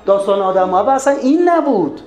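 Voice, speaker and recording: A man giving a lively talk on raising children, pressing the listener with rhetorical questions. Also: high voice. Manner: asks many rhetorical questions. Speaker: religious parenting speaker. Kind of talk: lively lecture retelling a story. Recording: roomy echo with faint music.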